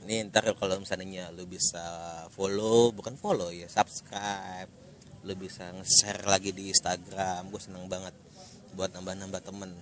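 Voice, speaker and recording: A man's voice: low-pitched, flat delivery, moderate pace. A man with a Jakarta accent hosting a casual podcast chat in informal, joking Jakarta slang. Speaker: podcast host. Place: coffee shop.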